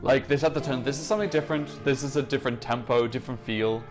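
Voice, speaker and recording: A young man with a mid-range voice talks fast as he hosts a Eurovision reaction channel. He chats enthusiastically, gushing his way through casual analysis of the music.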